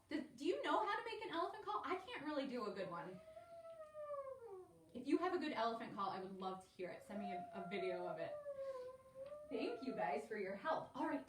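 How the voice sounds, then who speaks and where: High-voiced, encouraging music teacher woman. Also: very animated, a little fast. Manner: encouraging, sing-song, talks straight to young children. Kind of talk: live-streamed children's music lesson. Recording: roomy, distant, faint background hiss.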